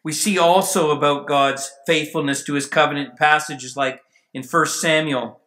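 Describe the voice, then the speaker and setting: Male pastor, high bright voice, emphatic preaching, roomy church sound. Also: fairly even intonation, moderate pace. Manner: emphatic preaching, rising to near shouts. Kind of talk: sermon. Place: church sanctuary. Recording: echoey church room.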